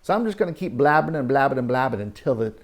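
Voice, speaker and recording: A man of medium pitch teaches kids through story time and Bible talk. His style is animated and storylike, marked by dramatic pauses and questions posed to the young listeners.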